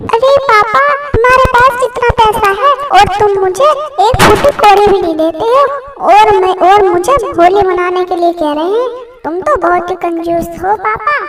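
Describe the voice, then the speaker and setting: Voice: very high voice, moderate pace. A voice doing a whining cartoon boy. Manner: pleading, complaining. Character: whining young son wanting Holi colours. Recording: distant, roomy, noisy.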